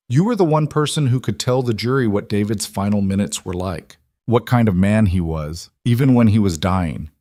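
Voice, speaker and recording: A man voicing a weary, grieving young widow in a storybook reading, in his own low, dry voice. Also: a little mellow, no room sound, natural voice. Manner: tired, pleading.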